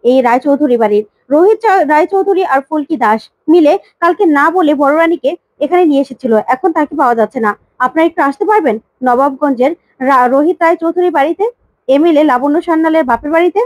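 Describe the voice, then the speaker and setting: A woman's voice: high voice, animated, quick pace, no room sound. A woman voicing a furious, imperious middle-aged queen who scolds and demands, while retelling a serial plot. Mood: urgent.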